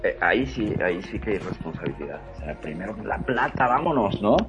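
A man's voice: low-pitched, big pitch swings, a little fast, over music. A man hosting a casual conversation, explaining things in a reflective way with frequent fillers. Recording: slightly dull lo-fi audio.

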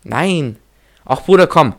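A man's voice: a little high, animated, takes it slowly. A young man co-hosting a podcast in casual, slangy chat sprinkled with English interjections. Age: young adult. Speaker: podcast co-host.

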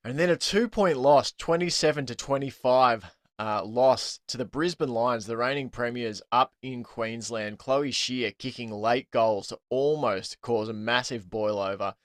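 Australian man, podcast host, mid pitch, dry sound, chatty and laughing. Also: unhurried, no room sound. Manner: chatty, laughs often, many ums. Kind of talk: casual sports podcast chat.

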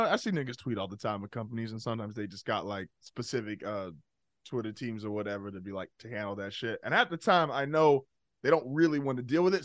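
A man on a podcast telling a story in casual chat, profane and animated, often laughing. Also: medium pitch, no room sound, clean studio sound. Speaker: podcast co-host.

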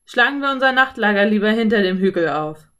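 A woman voicing rough male cowboys, loud and grumbling. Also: medium pitch, expressive, quick pace. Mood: shouting. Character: rough adult male cowboys, gruff horse thieves.

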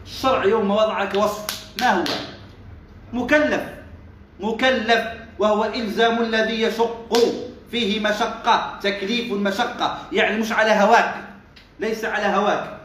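Guy teaching a religious class, high voice, keeps asking the room questions, big echo. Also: fairly even intonation, normal speed, a bit bright, a little hiss or hum. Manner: explains step by step, asks the class questions; mixes dialect asides into formal speech. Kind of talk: lesson commentary on a classical text. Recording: very echoey room.

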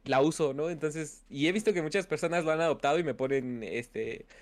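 Mexican guy rambling on a stream chat, kinda high voice, lots of quoting. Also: a little fast. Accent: Mexican Spanish. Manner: rambling, laughing, quoting commenters. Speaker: content creator. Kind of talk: casual chat.

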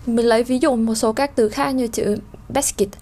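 A woman teaching French pronunciation, explaining slowly with fillers and sounding out vowels. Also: on the high side, steady tone, mellow. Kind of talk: spoken lesson.

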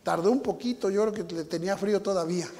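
A man with a Mexican Spanish accent preaching a sermon, telling a personal story with sound effects and building to shouted appeals. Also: high-pitched, fast talker, in a large hall.

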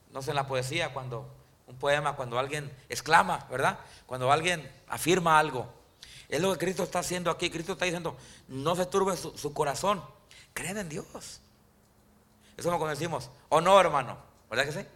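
A pastor delivers a Spanish-language sermon in church, calling out to the congregation and peppering them with questions. He gets higher and louder for emphasis and slows down when quoting scripture.

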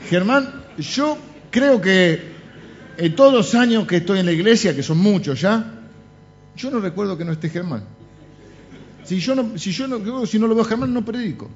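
Animated Rioplatense preacher man, lo-fi. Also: high voice, moderate pace. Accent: Rioplatense Spanish. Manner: animated storytelling with jokes and asides. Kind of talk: humorous sermon anecdotes. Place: church. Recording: dull lo-fi sound with faint music.

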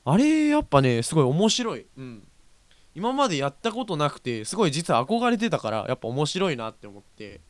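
A young man chats through his solo talk show in a loose, rambling way, often stopping to correct himself. His voice is smooth and lively, rising and falling a lot. The sound is dry and close. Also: fairly high pitch, fairly quick, no room sound. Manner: chatty, rambling, self-correcting, laughs often. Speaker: podcast host. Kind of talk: casual solo radio-style talk.

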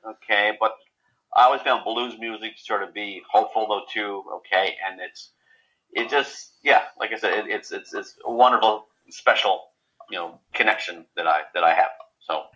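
A man in a casual interview, talking haltingly with many repeated words and fillers. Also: lowish voice, bright, forceful tone, low-quality recording. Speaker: guest.

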